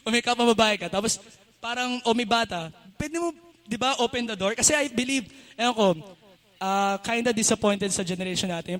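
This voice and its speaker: A young Filipino man with a high voice gives a youth message at a church service. He talks in a loose, chatty way, laughs often, and slips between Tagalog and English as he preaches. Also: a bit bright. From Philippines. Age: young adult. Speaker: youth speaker. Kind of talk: casual youth sermon.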